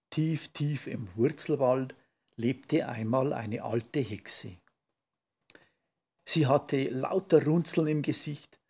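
Male storyteller, slow playful read-aloud, dark husky voice. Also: mid-range voice. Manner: slow, playful rhyming delivery.

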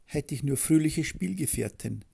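A man voicing little Muck, a lonely, eager boy, in a raised and lively storybook voice. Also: on the high side, normal speed, gravelly, slightly rough, pitched above the performer's own voice, full character voice.

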